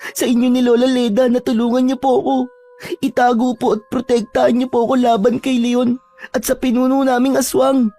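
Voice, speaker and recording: A woman's voice: on the high side, little pitch movement, brisk, soft background music. A woman voicing a polite, frightened young aswang who earnestly begs to be hidden and protected, in a told horror story. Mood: earnest pleading. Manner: respectful, earnest, soft-spoken pleading.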